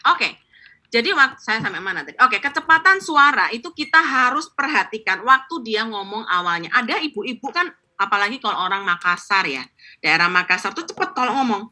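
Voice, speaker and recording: A middle-aged woman training insurance agents over a video call, talking fast and chatty, with playful acted-out examples. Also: on the high side, very animated, bright, forceful tone. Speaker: insurance agent teaching sales technique. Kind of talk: live online training session.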